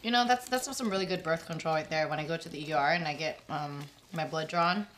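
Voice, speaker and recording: A woman's voice: deep voice, quick pace, fairly bright tone, slight background noise. A woman chatting casually with friends, blunt and freely swearing, asking curious questions. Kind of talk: casual chat.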